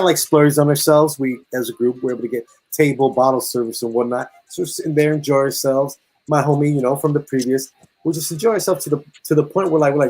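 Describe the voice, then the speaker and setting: Husky-voiced guy telling a story. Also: mid-range voice, low-quality recording. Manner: animated, acts out quotes in lively voices. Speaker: guest storyteller. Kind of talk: casual storytelling.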